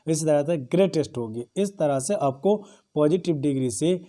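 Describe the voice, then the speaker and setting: Man, grammar lesson, dark mellow tone, slightly raised pitch, rhetorical questions. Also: normal speed. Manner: explains in Hindi, repeats rhetorical questions. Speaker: teacher.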